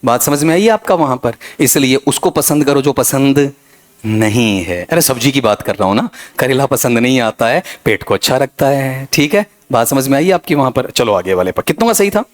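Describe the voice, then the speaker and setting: A man's voice: medium pitch, animated. Man teaching grammar, quizzing students. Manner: addresses students as "beta", quizzes with rapid questions and self-answers. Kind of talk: exam-prep grammar lesson.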